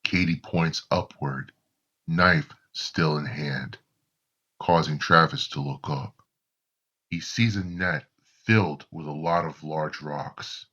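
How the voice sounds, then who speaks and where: A man narrating a horror story in a slow, deliberate storytelling manner. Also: rumbling low, sharp tone, husky, lo-fi sound.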